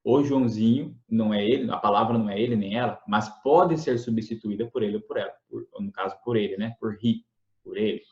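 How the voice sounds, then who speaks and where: A man's voice: fairly low pitch, fairly quick, darkish tone, echoey room, highs cut off. A man teaching a grammar lesson in a conversational way, with many fillers and restarts, often checking whether the listener has understood. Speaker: English teacher. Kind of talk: explanatory lesson.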